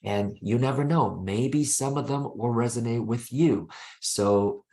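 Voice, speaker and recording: A man with a sick voice hosting a solo real estate finance talk, earnest and persuasive, listing points in quick runs. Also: medium pitch, darkish tone. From Canada. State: sick, rough voice. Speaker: real estate educator and show host.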